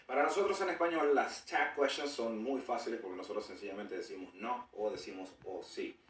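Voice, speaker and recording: Male teacher, lowish bright voice, explanatory delivery, demonstrates intonation; roomy, a bit off-mic. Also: fairly quick, distant mic, slight background noise. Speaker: English teacher. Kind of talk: explaining a grammar lesson.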